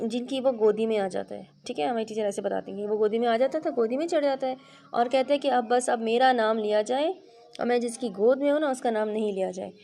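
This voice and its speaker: A woman's voice: on the high side, vocal fry, mellow, a little hiss or hum. A woman, teaching a Quran reading lesson to a child in a patient, explanatory way, checking in often. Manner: patient, explanatory, frequent "theek hai" check-ins.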